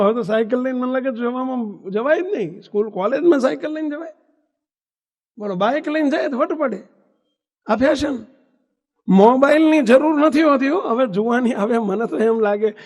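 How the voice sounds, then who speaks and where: A man's voice: extremely high pitch, darkish tone. A man with a Gujarati accent, a swami giving a sermon to young people, preaching, asking the crowd questions and telling stories. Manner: preachy, asks the audience questions, tells anecdotes. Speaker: swami giving a discourse to youth. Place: hall at a religious gathering. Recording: dull reverberant hall recording.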